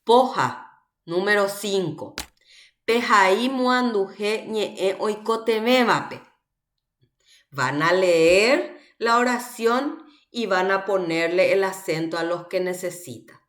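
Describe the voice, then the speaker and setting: A woman with a Paraguayan accent teaching a recorded class, slowly and patiently drilling words aloud syllable by syllable. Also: on the low side, lively intonation, reverberant. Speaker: language teacher.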